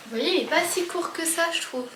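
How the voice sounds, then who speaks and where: A woman's voice: extremely high pitch, a little fast, a bit bright, a little hiss or hum. An eighteen-year-old woman vlogging in a casual, chatty way, informal and full of fillers and slang. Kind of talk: casual vlog chat.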